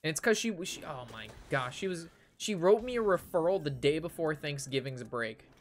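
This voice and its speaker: An expressive young man with a voice on the high side talks at a moderate pace to his stream chat during a card game. His casual, ranting stories are full of swearing, exasperation and repeated phrases.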